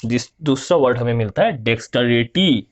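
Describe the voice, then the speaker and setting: A man teaching a vocabulary lesson, repeating and spelling out words slowly and answering his own questions. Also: medium pitch. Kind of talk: Hindi vocabulary lesson, explaining word roots.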